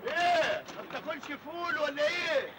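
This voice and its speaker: An actor with an Egyptian accent playing a gruff work foreman who barks rough orders at the workers. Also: very high-pitched, expressive, fairly quick, heavy background noise. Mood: bossy.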